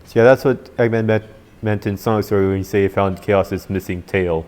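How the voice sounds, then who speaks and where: A man with a somewhat dopey-sounding voice gives casual, halting playthrough commentary, rambling and repeating himself. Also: lowish voice, steady tone, a little mellow. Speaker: gameplay commentator. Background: video game music.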